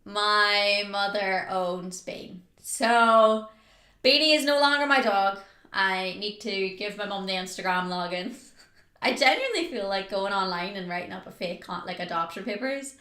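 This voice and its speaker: A woman's voice: mid-range voice, lively intonation, measured pace, sharp tone. A woman hosting a casual livestream, telling a rambling story full of "like" and answering viewer chat as she goes. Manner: chatty, rambling, heavy use of "like". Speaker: livestream host. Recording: roomy echo.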